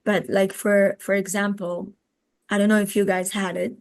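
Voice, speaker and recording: A woman in her twenties from Israel, an educator and social media activist, answers interview questions conversationally in an Israeli accent. Her mid-range voice is darkish with a flat delivery, and she speaks haltingly, often searching for words in her second language.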